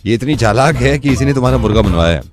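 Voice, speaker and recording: A male radio host running a prank call, talking calmly and patiently in a soothing, reassuring way. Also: medium pitch, fast. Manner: calm, patient, then laughing and teasing.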